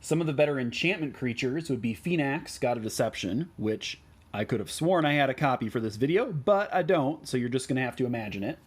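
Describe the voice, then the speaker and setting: A man with a Midwestern American accent explains card choices for a deck in a relaxed way, with many ums and uhs. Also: medium pitch, fairly quick, husky. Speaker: deck tech host.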